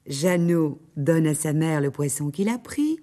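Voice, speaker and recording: A woman narrating a children's story aloud in an expressive, dramatic way. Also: low voice, measured pace.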